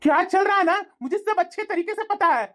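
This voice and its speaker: Cartoon figure: an accusing young husband, voiced by a woman, very high for a man. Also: a little fast. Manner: accusing, stern. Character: young husband, suspicious and stern.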